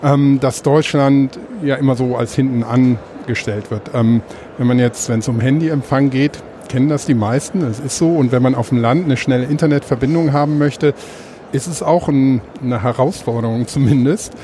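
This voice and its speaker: Mellow-voiced male interviewer. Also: mid-range voice, moderate pace, a little hiss or hum. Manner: hesitant, many fillers and restarts while asking. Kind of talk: conversational interview questions.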